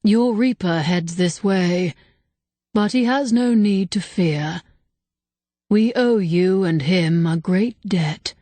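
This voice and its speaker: A woman voicing an ancient male temple spirit who speaks calmly and with regret, in an audiobook reading. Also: on the low side, no room sound. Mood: calm regretful. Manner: calm, regretful, unhurried. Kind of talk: audiobook character voice.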